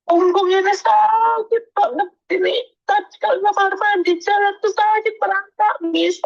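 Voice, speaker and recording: A woman's voice: very high-pitched, fairly even intonation, unhurried, vocal fry, highs cut off. A woman migrant worker calling in, in pain and crying, speaking plaintively and politely. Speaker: caller, migrant domestic worker.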